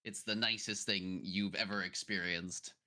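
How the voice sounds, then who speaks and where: A man's voice: sits low, steady tone, pushed and bright. A man narrating as game master of a tabletop role-playing game, in a casual manner with fillers. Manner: casual, with fillers and drawn-out names.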